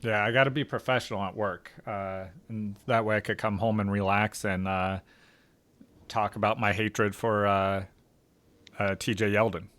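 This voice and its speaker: A man co-hosting a casual fantasy football podcast over a video call from work on his lunch break, relaxed and quick to laugh. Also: on the low side. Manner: relaxed, laughs often, jokey. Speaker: podcast co-host.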